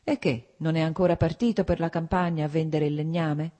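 A woman's voice: sits low, fairly even intonation, brisk, mellow. A woman reading the part of a blunt, teasing old prince and father in a storybook. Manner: blunt, scolding.

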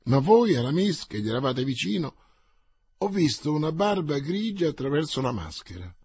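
A man's voice: on the high side, sing-song, moderate pace, a little mellow, slightly rough, no room sound. A man narrating a classic adventure novel aloud, giving each character's lines with dramatic emphasis. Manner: dramatic reading, raising the voice for dialogue. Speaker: audiobook narrator.

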